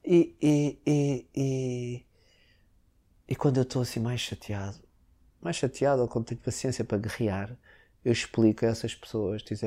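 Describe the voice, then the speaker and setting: A man's voice: mid-range voice, warm tone. A man from Portugal speaking European Portuguese, a guest in a casual conversation, who hesitates and restarts often. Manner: hesitant, with many restarts and filler words.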